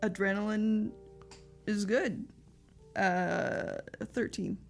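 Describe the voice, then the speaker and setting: A woman playing a tabletop game, joking and reacting quickly. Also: medium pitch, fairly even intonation, vocal fry, soft background music. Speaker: player. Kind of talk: casual tabletop game play.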